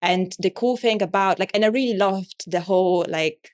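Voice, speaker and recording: A woman's voice: medium pitch, moderate pace. A young Polish woman being interviewed about her art career, talking in a rambling way with lots of "like" and "you know". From Poland. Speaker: interview guest, artist and business owner. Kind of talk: casual conversational interview.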